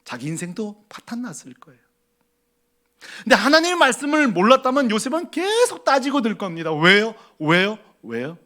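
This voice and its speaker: A male pastor preaching a sermon, swinging dramatically between loud appeals and near whispers. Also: very high-pitched, very animated, a little fast.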